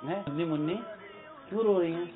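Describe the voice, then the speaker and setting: A man gently teasing and coaxing small children in casual, affectionate talk. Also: on the high side. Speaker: religious scholar talking with children. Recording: tinny phone-like sound with faint music.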